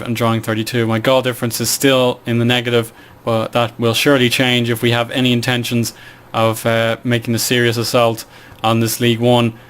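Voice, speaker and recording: A man talks through his game in a casual, halting way, stopping often for fillers as he thinks. His voice is clean and smooth. He keeps a fairly flat, even pitch. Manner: hesitant, many fillers. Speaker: game commentator. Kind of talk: casual gameplay commentary.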